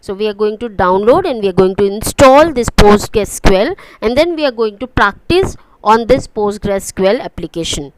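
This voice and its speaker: A woman's voice: medium pitch, animated, normal speed, hardly any pauses, low-quality recording. A woman with an Indian English accent teaching an online computer class, explaining step by step and often checking "okay?" with her students. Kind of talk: online lecture.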